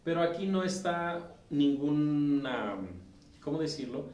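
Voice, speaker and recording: A man with a Mexican Spanish accent, a deacon teaching a Bible lesson, reading scripture aloud and explaining it with pauses and self-corrections. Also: a little high, a little mellow, dull audio. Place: church room. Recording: roomy, distant mic with faint noise.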